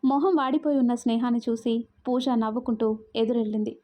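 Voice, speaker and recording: A woman storyteller giving a steady, expressive scripted narration of a love story. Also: a little high, fast talker. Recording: muffled lo-fi audio.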